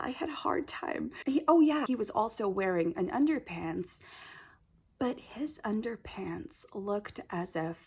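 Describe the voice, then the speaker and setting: Woman chatting like a storytime vlog, kinda high husky voice, dramatic, acts out the quotes. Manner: animated, acts out quotes and reactions. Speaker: storyteller recounting an audition.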